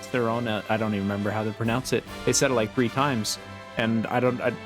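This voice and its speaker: A man's voice: lowish voice, little pitch movement, fast talker. A man giving casual, jokey, irreverent gameplay commentary. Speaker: gamer playing on camera or stream. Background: game music.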